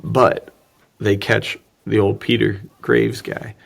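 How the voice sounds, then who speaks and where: A podcast host recaps a film in loose, slangy, joking chat, mockingly acting out the dialogue. His voice is on the low side and gravelly, with a flat delivery and a slow pace.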